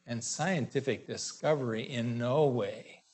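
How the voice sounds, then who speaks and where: A male pastor preaching a sermon in a halting, conversational way, with many fillers and restarts. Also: mid-range voice, a little mellow, slight background noise.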